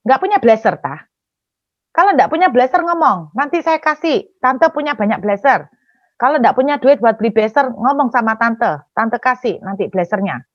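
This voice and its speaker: A woman puts on a bossy church auntie who scolds and lectures without pause. She talks down to the listener and sets rules. The recording is dull, with a dry sound. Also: fairly high pitch, animated, dry recording, natural voice. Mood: scolding.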